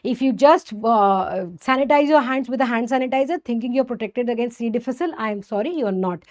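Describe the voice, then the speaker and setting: High-pitched North Indian woman lecturer. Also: expressive, brisk, a little mellow. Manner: didactic, asks and answers own questions, frequent check-in tags like okay and right; mixes Hindi phrases into English. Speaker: medical lecturer. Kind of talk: exam-focused microbiology lesson.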